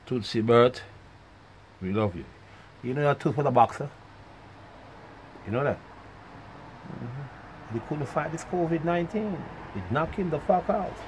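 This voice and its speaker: A man delivers a rambling, profane monologue, bursting loud one moment and muttering under his breath the next. His voice sits at an ordinary middle pitch. Faint background noise hums under the recording. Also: expressive, unhurried, long pauses, low-quality recording. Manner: rambling, swinging between loud outbursts and muttered asides. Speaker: vlogger.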